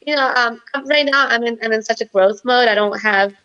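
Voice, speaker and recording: A woman from Costa Rica, a marketing consultant, speaking as an interview guest in a relaxed, matter-of-fact way. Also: fairly high pitch, brisk, far from the mic, muffled recording. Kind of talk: casual interview chat.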